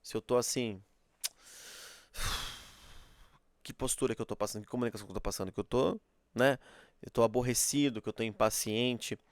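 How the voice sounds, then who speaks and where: A man's voice: medium pitch, steady tone, fast, dry recording. A male teacher giving a classroom lecture, explaining step by step, checking in with frequent rhetorical questions and acting out examples. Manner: demonstrative, acts out examples.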